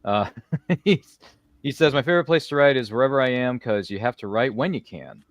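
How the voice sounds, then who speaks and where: Hosting a casual roundtable, a man with a medium-pitched voice talks animatedly and fairly quickly, reading viewer comments. He is chatty and jokey, slipping into slangy asides, and the studio-quality recording has no echo.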